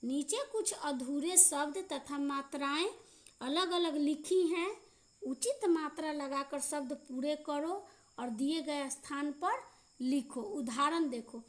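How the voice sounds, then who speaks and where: A woman teaching a children's grammar lesson, reading word pairs aloud slowly and drawing out the vowels. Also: sits high. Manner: slow, drawn-out pronunciation drills with repeated word lists. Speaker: primary school teacher. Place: school class video.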